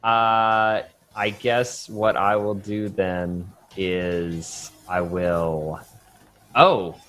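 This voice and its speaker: A man's voice: low voice, fairly even intonation, very slow, fairly bright tone, faint music behind. A man player in a casual tabletop game, hesitant and flustered, thinking aloud over his move.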